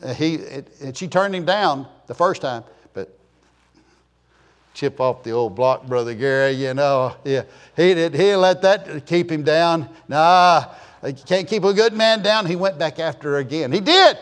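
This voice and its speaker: Speaking at a measured pace, this man in his sixties has a fairly high voice with lively intonation. He delivers a rambling, folksy church sermon, joking and storytelling while chatting with the congregation.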